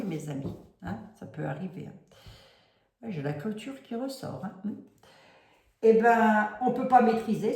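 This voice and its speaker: A woman's voice: fairly low pitch, darkish tone. Chatty psychic woman with Lorraine accent. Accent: Lorraine French. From Lorraine, France. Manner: chatty, rambling, many fillers and asides. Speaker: psychic vlogger. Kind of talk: casual psychic talk to viewers. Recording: roomy echo.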